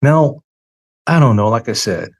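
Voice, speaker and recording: A man hosting a finance talk, speaking earnestly and emphatically, slowing down to stress key words, and saying he feels tired. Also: medium pitch, expressive, darkish tone. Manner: earnest, preachy, emphatic with dramatic slow stresses. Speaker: financial show host. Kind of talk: solo commentary monologue.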